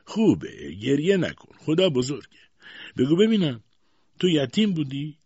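Guy doing a cold bossy old aunt, high and sharp, mocking, husky tone, flat dry lo-fi sound. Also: dry recording, exaggerated voice. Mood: cold, stern. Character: stern, harsh older spinster aunt, woman. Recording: dull lo-fi dry recording.

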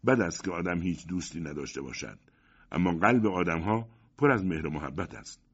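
A man voicing a kindly blind old man who speaks softly and courteously, in a storybook reading. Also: low voice, lively intonation, husky, exaggerated voice. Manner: soft, courteous, consoling. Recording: dull lo-fi audiobook recording.

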